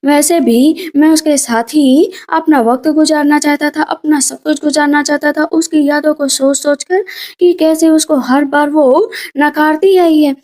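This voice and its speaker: A woman narrates a drama recap in a high, mellow voice. She retells the story conversationally, repeating lines for emphasis. Her delivery is casual rather than performed. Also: fairly even intonation, measured pace.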